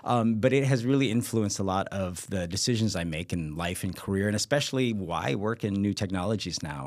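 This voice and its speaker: A man in his fifties, born in Vietnam and raised in the United States, hosting an interview with polished introductions and questions. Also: lowish voice. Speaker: host. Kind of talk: interview host.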